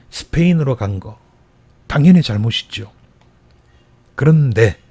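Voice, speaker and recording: A male pastor delivers a Sunday sermon, retelling a scripture story with lively emphasis in the quoted parts. His voice is dark and a little husky. The sound is dry and close, with almost no room echo. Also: medium pitch. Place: church.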